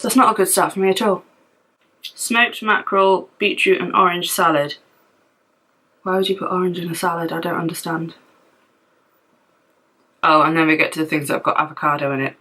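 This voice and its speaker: Woman, young adult, rambling casual vlog chat, self-deprecating, slightly low voice. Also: fairly even intonation, brisk, pauses often, bright, forceful tone, rough recording. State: out of breath. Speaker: vlogger. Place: home. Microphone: phone or tablet camera.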